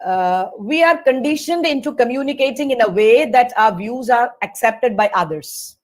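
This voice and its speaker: A woman moderating a webinar over a video call, reading out questions politely with many pauses. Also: on the high side, expressive.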